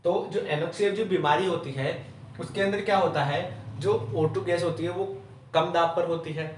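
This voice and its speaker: A man's voice: a little high, steady tone, moderate pace, a little hiss or hum. A male chemistry teacher from Rajasthan, giving a classroom lecture, asking rhetorical questions and answering them himself, ending almost every point with "theek hai". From Rajasthan, India. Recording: roomy echo, mic at a distance.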